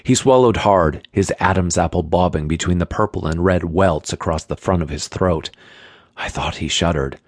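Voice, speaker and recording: Deep, husky male audiobook narrator. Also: normal speed, no room sound, clean studio sound. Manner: steady, tense storytelling. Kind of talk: first-person scripted narration.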